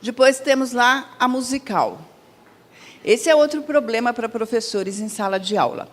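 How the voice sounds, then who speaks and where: A woman with a Brazilian Portuguese accent lectures publicly in a lecture hall as a speaker at a spiritist center, and the recording has long hall reverb. Her voice is on the high side and expressive, at normal speed. She's chatty and conversational, asking the audience questions and acting out quoted dialogue in her own voice.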